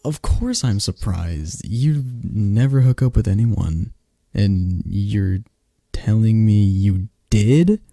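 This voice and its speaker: A young man speaks slowly in a lowish voice with vocal fry, captured in a dry recording. He performs a scripted ASMR roleplay as a close friend, chatting animatedly in a one-sided conversation with someone the listener never hears.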